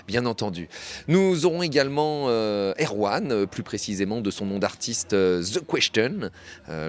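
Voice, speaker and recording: Chatty man hosting live radio outdoors. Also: fairly low pitch. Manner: chatty, rambling, playful with many fillers. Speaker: radio host. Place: outdoors at a neighbourhood fête. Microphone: radio studio mic set up outdoors.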